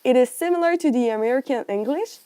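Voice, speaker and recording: Student presenter: a woman with a fairly high, animated voice, reading her script carefully. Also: quick pace, smooth. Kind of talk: reading a prepared class presentation.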